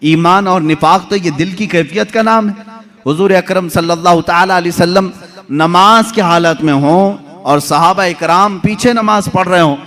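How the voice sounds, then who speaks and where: A middle-aged male preacher giving a sermon, swinging from loud poetic recitation to hushed storytelling. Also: sits high, normal speed. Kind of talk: Urdu-Hindi religious sermon.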